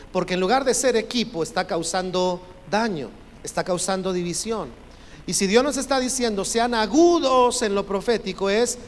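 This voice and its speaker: A man preaching a sermon as pastor, emphatic and urging the congregation to repeat his phrases. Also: sits high. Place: church sanctuary. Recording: long reverb from a church hall, faint noise.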